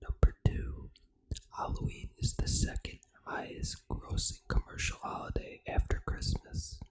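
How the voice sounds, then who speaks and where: A video game ASMR host whispers everything, breathy and fully unvoiced, never using a normal speaking tone. The voice is very high and animated, and the reading is soft, deliberate and unhurried, in a low-quality recording.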